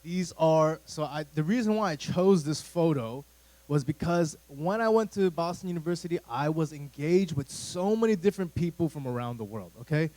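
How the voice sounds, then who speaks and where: A man's voice: a little high, animated, moderate pace, dark tone, poor audio. A man in his thirties, a youth pastor giving a casual, rambling talk to a church youth group, full of fillers and asides. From United States. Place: church room.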